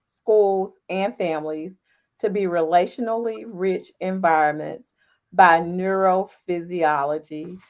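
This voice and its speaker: A woman's voice: mid-range voice, a little mellow, low-quality recording. A woman podcast co-host reading upbeat introductions of guests.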